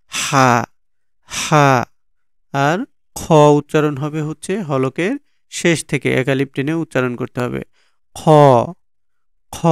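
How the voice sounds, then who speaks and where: A man's voice: medium pitch, clean tone, dry recording, studio quality. A Bangladeshi man teaching Quran letter pronunciation from slides, patiently repeating each sound many times. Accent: Bangladeshi Bengali. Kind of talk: slow slide-based lesson on letter pronunciation.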